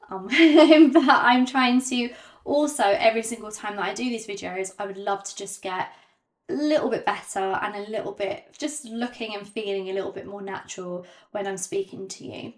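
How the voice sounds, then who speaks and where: A woman vlogging to camera without a script, hesitant and self-conscious, with many ums and pauses, and slightly out of breath. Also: medium pitch. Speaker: YouTuber. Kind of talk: unscripted talk to camera.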